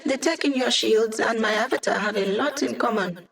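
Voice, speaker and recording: An actress with a slightly high, somewhat bright voice portrays a witty young hacker in a supporting game role. She delivers sly, teasing quips to her team with quick, wry timing.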